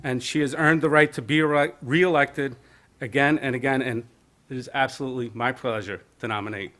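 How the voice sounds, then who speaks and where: A man's voice: mid-range voice, fairly even intonation, a little fast, fairly bright tone. A man giving an informal nominating speech at a local caucus meeting, mixing in joking asides with plainspoken emphasis. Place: community center meeting room.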